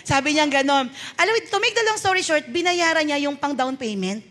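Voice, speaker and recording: A middle-aged woman pastor with a Filipino accent preaches a sermon, moving between Tagalog and English as she tells a personal story and voices the people in it. Her voice sits high and sounds bright and forceful. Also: lively intonation, a little fast.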